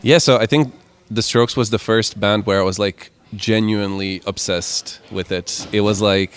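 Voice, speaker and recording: A young man in his twenties from Croatia, answering interview questions in a relaxed, rambling way. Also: on the low side, moderate pace, clean tone. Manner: relaxed, rambling with many "like" and "kind of" fillers. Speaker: musician guest.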